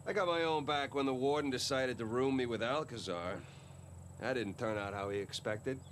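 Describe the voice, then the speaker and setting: An actor playing a joking, easygoing middle-aged ex-con treasure hunter in video game dialogue. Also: male voice, mid-range voice, moderate pace, a bit bright, a little hiss or hum, lightly acted. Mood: wry.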